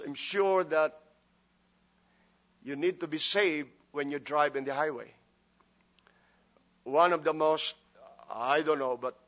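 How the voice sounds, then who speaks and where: On a lo-fi recording, a man from the Philippines speaks with a Filipino accent in a somewhat high, slightly bright voice. He is a guest pastor giving a humorous sermon and prayer, chatty and filler-heavy, and Filipino is his first language.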